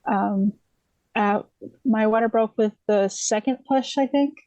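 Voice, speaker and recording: A woman's voice: a little high, a little slow, darkish tone, dry recording, muffled recording. A woman from the USA, a podcast guest, telling her story casually, with many fillers, restarts and light laughs.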